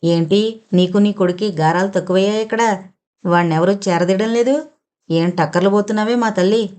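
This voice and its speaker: A woman's voice: mid-range voice, mellow, natural voice. A woman voicing a harsh scolding mother-in-law. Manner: scolding, drawn-out taunting words.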